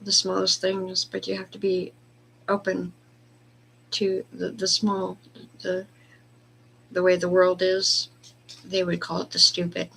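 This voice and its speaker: A woman hosting a casual spiritual livestream, rambling between prayer requests and reading Bible verses slowly and deliberately. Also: fairly low pitch, monotone, gravelly, fairly bright tone, slight background noise. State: hiccups, dry throat.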